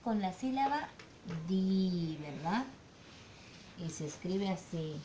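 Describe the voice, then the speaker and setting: A woman's voice: lively intonation, slow pace, warm tone. A woman teaching a virtual phonics lesson to young children, drawing out syllables in a sing-song way and often checking with her class. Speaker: kindergarten teacher. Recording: echoey room, faint rumble.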